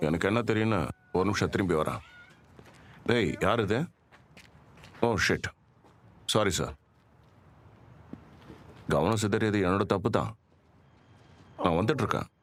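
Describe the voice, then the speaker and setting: A joking, laid-back agent. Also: male voice, deep voice, a little slow, pauses often. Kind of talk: dubbed movie dialogue.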